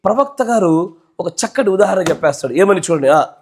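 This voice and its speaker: A man's voice: high-pitched, expressive, a little fast, a little mellow, a little hiss or hum. A male pastor with a Telangana Telugu accent preaching a sermon in church, keeping the congregation engaged by repeatedly asking them questions and pressing them to answer yes or no.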